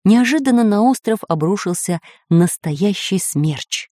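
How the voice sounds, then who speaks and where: A woman narrating a children's story in a steady storytelling manner. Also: medium pitch, measured pace, dry recording, clean studio sound. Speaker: audiobook narrator.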